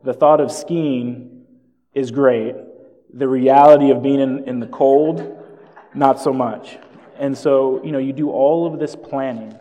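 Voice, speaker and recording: Recorded with a long hall reverb, this pastor has a medium-pitched, mellow voice. Born in Jamaica and brought up in South Florida, he delivers a sermon full of stories and jokes at his own expense.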